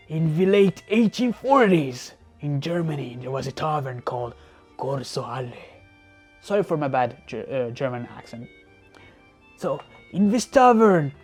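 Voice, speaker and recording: A man's voice: high-pitched, a little mellow. A man from France, a guest telling a skating story in a chatty, enthusiastic way. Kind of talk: casual guest segment. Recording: faint music behind.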